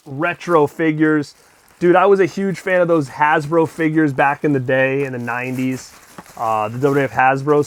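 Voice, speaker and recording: A middle-aged man hosting a casual unboxing vlog, chatty and excitable, swearing now and then. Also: on the high side, no room sound. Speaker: collector vlogger and host.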